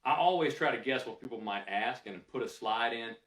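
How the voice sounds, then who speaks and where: A man's voice: mid-range voice, a little fast, a bit bright. Candid man answering questions in a roomy space. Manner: candid, conversational, thinks aloud with fillers. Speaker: scientist answering audience questions. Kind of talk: Q&A after a lecture. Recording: roomy, mic some distance away.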